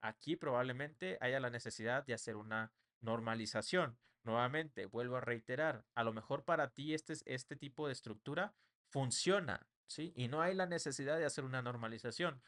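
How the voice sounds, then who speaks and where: A young man teaches a live online class, checking in with his listeners through short tag questions as he explains. His voice sits at a medium pitch and his delivery stays conversational. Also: moderate pace, a bit bright. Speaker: online workshop instructor. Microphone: computer mic on a live stream.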